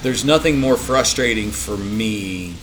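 A man with a slightly low voice hosts a ministry podcast in loose, casual conversation. He rambles and doubles up on words as he restarts sentences, with a faint hiss behind him. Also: measured pace. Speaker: podcast host for ministry assistants.

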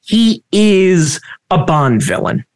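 A man's voice: sits high, sing-song, slow, clear, resonant tone. A man hosting a casual chat, ranting with heavy swearing and sarcastic exasperation. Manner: profane, ranting.

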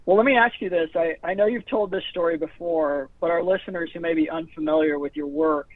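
A man hosting an interview podcast, his voice sitting a bit high for a man. He talks in a friendly, conversational way with some repeated words. The recording is dry and close, with a narrow, phone-like sound. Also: a little fast, no echo. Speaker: podcast host.

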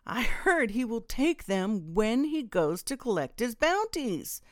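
A woman's voice: on the high side, very animated, slow, no echo, studio quality, voice pushed up. A woman voicing a drunk, bitter small-town mayor who rants with disgust and repeats himself. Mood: bitter ranting.

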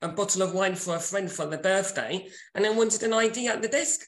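A man's voice: sits high, fairly quick, reverberant, rough recording. A man in his forties, a podcast co-host and author, chatting casually and laughing often. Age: 40s.

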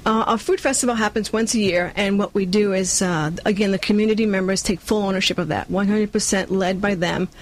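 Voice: mid-range voice, fairly even intonation, brisk, hardly any pauses, poor audio. A person with a New York accent and Spanish as a first language, earnestly answering interview questions as a community organizer and acting out quotes along the way. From born in Cuba, grew up in Brooklyn, New York. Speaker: community nonprofit leader being interviewed.

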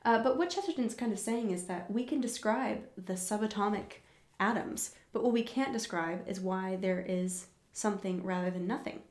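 Her voice sits at a medium pitch with a slightly mellow quality as she hosts a book talk. She reads excerpts out loud, then explains them in a measured, reflective style peppered with fillers and side remarks.

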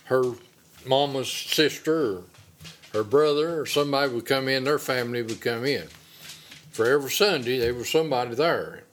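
A man's voice: medium pitch, moderate pace, slight background noise. An older man with an Appalachian accent reminiscing casually in an interview, with folksy rural phrasing. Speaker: interviewee recalling childhood. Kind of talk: casual oral-history reminiscence.

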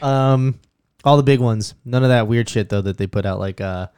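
A man's voice: medium pitch, moderate pace, a little mellow, clean tone, no room sound, clean studio sound. A young man hosting a casual podcast, joking and swearing loosely, his voice thick with phlegm. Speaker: podcast host.

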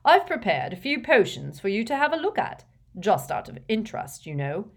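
A woman voicing a jovial, portly old male potions teacher who talks in a booming, effusive, fatherly way. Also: sing-song, moderate pace.

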